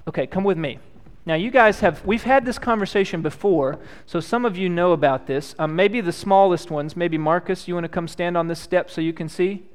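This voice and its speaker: A man in his thirties, a pastor leading prayer and a children's message, speaking gently and asking the children simple questions. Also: sits high, fairly quick, few pauses, clear, resonant tone. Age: 30s. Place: church.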